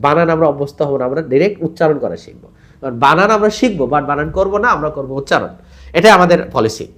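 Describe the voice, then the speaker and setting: A man gives a spoken recitation lesson in a fairly high voice. He is earnest and patient, and he draws out the long vowels as he drills each syllable. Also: expressive, rapid-fire, fairly bright tone. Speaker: Quran recitation teacher.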